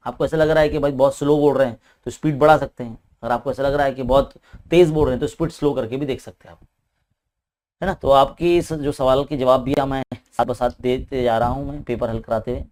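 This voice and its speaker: In this paper-solving lesson, a maths teacher with an Indian Urdu-speaking accent talks fast at a medium pitch, his tone steady and slightly mellow. He goes through the exam step by step, frequently asking "hai na".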